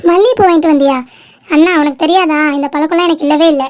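A woman's voice: high-pitched, rapid-fire, a little mellow. A woman voicing a lovesick young girl student who pleads emotionally and mixes in English words. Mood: bantering. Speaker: channel creator voicing the lead. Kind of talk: amateur drama acting.

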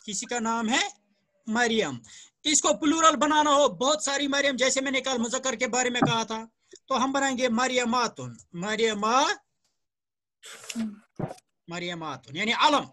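High, bright-voiced male Arabic teacher. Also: lively intonation, a little slow, pauses often. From Jammu and Kashmir, India. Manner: patient drilling, repeats words, praises students often. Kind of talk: online grammar lesson with students. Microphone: video call.

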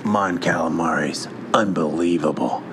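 A man voicing a terse masked male bounty hunter in a low, flat, clipped delivery. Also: a little slow, a little hiss or hum, heavily acted. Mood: sneering.

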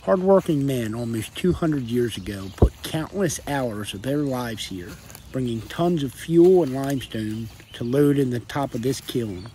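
A man's voice: medium pitch, lively intonation, measured pace, warm tone, a little hiss or hum. A man, narrating his exploration of old ruins in an earnest, reflective way. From northern Delaware. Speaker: restoration vlogger. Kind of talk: documentary narration.

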